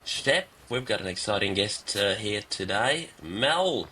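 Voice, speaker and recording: A man's voice: fairly low pitch, lively intonation, unhurried, sharp tone, faint music behind. A man speaking casually as a podcast co-host.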